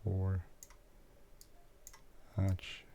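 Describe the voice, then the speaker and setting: Speaking extremely slowly in a low, monotone, mellow voice with vocal fry, a non-native English-speaking man casually walks through a flight simulator. As a flight sim video host in a casual gameplay walkthrough, he hesitates often, using many fillers and correcting himself, with slight background noise present.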